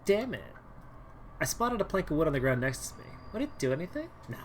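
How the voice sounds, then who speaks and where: Animated low-voiced woman reading a game. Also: fast talker, a little hiss or hum. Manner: sarcastic, wry asides and exaggerated outbursts. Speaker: streamer reading a dating game aloud. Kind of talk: dramatic game read-through.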